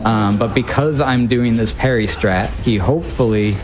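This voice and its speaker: A man's voice: medium pitch, normal speed, heavy background noise. Casual man commentating his own speedrun. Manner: informal, wry, self-interrupting thinking aloud. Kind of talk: casual live gameplay commentary.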